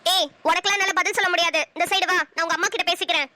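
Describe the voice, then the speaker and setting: A woman voicing a fiery, sharp-tongued young wife in a cartoon, scolding in a rapid-fire stream. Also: very high-pitched, steady tone. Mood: angry. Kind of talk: cartoon voice acting.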